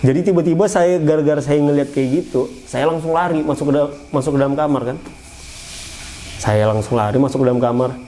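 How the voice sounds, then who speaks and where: Mellow-voiced man telling a ghost story. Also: a little high, quick pace, slight background noise, low-quality recording. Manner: animated, repeats phrases, keeps addressing the listener. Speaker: storyteller recounting his own experience. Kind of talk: casual first-person ghost story.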